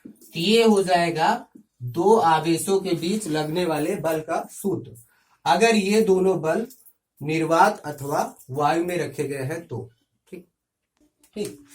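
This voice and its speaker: A man's voice: on the high side, slow pace, long pauses, a little mellow, recorded from a distance. Man teaching physics from off the mic. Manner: explains step by step, often checks in with "ठीक". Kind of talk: classroom lecture.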